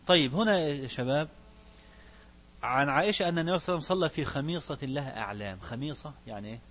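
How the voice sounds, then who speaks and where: Fast-talking Egyptian sheikh teaching. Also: male voice, medium pitch, a bit bright, slight background noise. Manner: mixes classical recitation with Egyptian colloquial asides, quizzes students. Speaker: sheikh teaching a fiqh book. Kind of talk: religious lesson to students.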